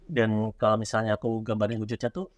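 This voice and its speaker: A young man, a horror writer recounting a childhood scare in casual podcast chat. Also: on the low side. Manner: animated storyteller, quick and loose. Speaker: guest, horror story writer.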